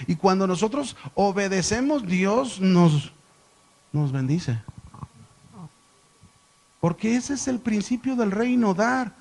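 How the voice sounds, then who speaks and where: A man's voice: high voice, darkish tone. A middle-aged man, a pastor teaching a sermon and telling stories with questions to the congregation.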